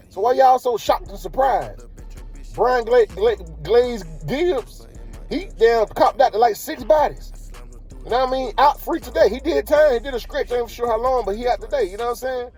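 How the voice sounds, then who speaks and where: A man with a high, darkish voice hosts a casual commentary vlog, using slang and tossing rhetorical questions at his viewers.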